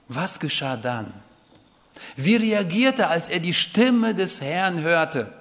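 A man preaching a sermon in German, earnest, sometimes rising to fervent pleading. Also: a little high. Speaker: pastor. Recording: long reverb of a hall.

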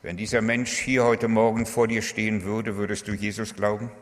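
A man's voice: fairly low pitch, flat delivery, normal speed. Male preacher in a reverberant hall. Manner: earnest, exhorting, addresses listeners directly. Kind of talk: sermon.

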